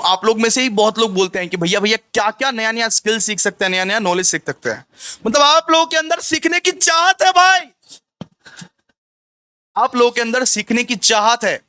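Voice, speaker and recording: Male tutor, high and bright, repetitive question-and-answer revision style. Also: smooth, dry recording, studio quality. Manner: repetitive, asks the class rhetorical questions and answers them himself. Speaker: commerce tutor. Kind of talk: exam revision lecture.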